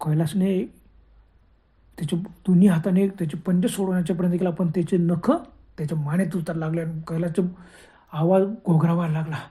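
A man's voice: high voice, fairly even intonation, a little fast, mellow. A man telling a horror story in a dramatic way, full of gasping exclamations.

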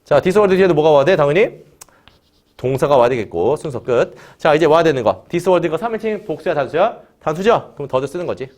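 A man teaching an English grammar lesson in Korean, opening nearly every phrase with "자" and drilling students with quick questions they answer back. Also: on the high side, expressive, a little mellow. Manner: drills students, has them repeat after him.

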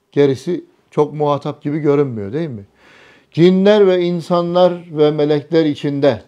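A man's voice: fairly high pitch, mellow. A man giving a religious talk to a small group, often asking the listeners questions and repeating their answers. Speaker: religious teacher.

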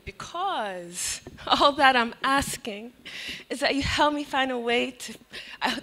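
A young spoken word poet performs her verse into a handheld mic on a stand. Her voice is bright and a little high, her pace slow, and she's expressive, laughing between lines.

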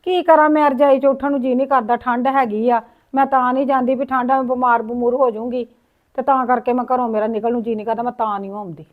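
A woman's voice: a little high, steady tone, fast, narrow, tinny audio, lightly acted. A woman acting a lonely, grieving old grandmother who sighs, laments and talks to herself in a village drama. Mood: fussy chat. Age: older. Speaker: grandmother in a short film.

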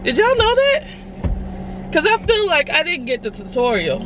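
A woman's voice: high voice, wildly swooping pitch, moderate pace, noisy background. A woman talking casually in a family vlog, chatty and rambling with slangy asides, filmed in and around her van on a tripod camera. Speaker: mom vlogger.

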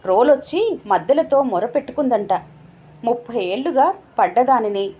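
A woman voicing a kind older mother who soothes her family, lifting her voice higher for her in a storybook reading. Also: lively intonation, moderate pace, breathy edge, muffled recording. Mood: gentle caring. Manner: soothing, affectionate. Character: gentle caring older mother, peacemaker.

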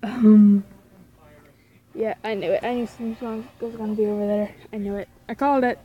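A woman's voice: medium pitch, steady tone, moderate pace, warm tone. A woman playing a horror game and commenting, hesitant and thinking aloud as she goes. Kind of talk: let's play commentary.

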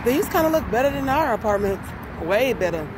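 A woman's voice: fairly high pitch, big pitch swings, fairly quick. Young woman vlogging on a noisy walk. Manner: talking while walking outdoors, breathy sighs of exertion. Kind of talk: casual walk-along vlog. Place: outdoors on a residential street. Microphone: phone held at arm's length. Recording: very noisy outdoor street recording. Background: street and traffic noise.

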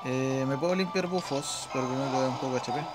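Talking at a quick pace in a mid-range voice, a man with a Chilean Spanish accent hosts a gaming video. His commentary is casual and informal, basically thinking aloud while he plays, with game music underneath.

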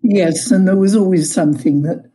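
An older woman from Yorkshire, England, recalling her cooking days as a guest in an interview, in a slow, measured way. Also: on the low side, warm tone, poor audio. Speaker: guest, cookbook author. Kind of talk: interview over a call.

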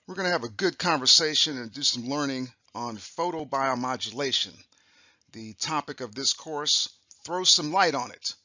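A raspy older optometrist gives a recorded continuing-education lecture over slides, chatty and upbeat, full of fillers, restarts and throat-clearing. His mid-range voice is expressive, very bright and pushed forward, at a normal speed. The sound is close-miked, dry and a little dull.

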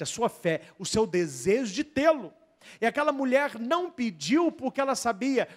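Brazilian priest, high voice, tells stories in his sermon, gets loud then soft. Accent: Brazilian Portuguese. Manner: animated storytelling, swings from loud to soft; chatty asides to the crew and audience.

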